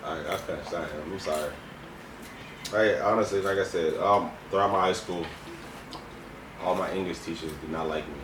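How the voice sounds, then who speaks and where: Young guy w a low voice, blunt slangy chat, echoey room, mic kinda far. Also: steady tone, moderate pace, pauses often. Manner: blunt, slangy, repeats himself for emphasis. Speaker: co-host of a couple's eating video. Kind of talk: casual chat. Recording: echoey room, distant mic, clear background noise.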